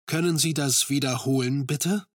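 A man reading example phrases for learners, slowly and with deliberate enunciation. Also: mid-range voice, no echo, studio quality. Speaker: language course model speaker. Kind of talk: slow model pronunciation.

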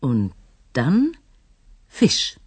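A husky, wry hotel manager. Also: female voice, rumbling low, wildly swooping pitch, very slow, a little mellow, dry recording, exaggerated voice. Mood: amused. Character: ironic female hotel manager, amused.

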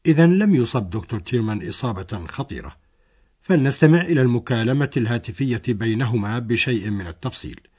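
A man's voice: medium pitch, animated, fast talker, darkish tone, slightly rough. A man narrating a scripted language lesson, explaining a dialogue step by step.

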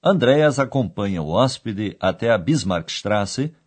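A man presenting a scripted radio language lesson, explaining each step in a didactic way. His voice is fairly low and husky, with lively, wide-ranging intonation. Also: a little slow. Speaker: radio language course host. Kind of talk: scripted educational narration.

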